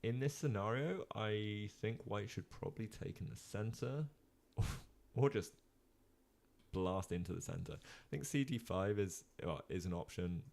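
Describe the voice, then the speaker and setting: A young man giving casual live-stream chess commentary, chatting with viewers and filling pauses with ums and uhs. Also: fairly low pitch, vocal fry, darkish tone. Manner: chatty, many ums and uhs, reads chat.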